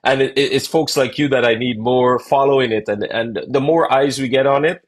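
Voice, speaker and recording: A man from Guyana hosting a relaxed business interview, often repeating words as he starts a sentence. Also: mid-range voice, brisk. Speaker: host. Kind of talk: casual interview chat. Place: Toronto, Canada.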